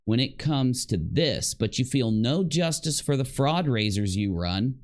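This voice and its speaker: Talking over someone else's video, a man offers off-the-cuff reaction commentary that turns argumentative and accusatory. He speaks unhurriedly in a mid-range, slightly mellow voice with lively intonation.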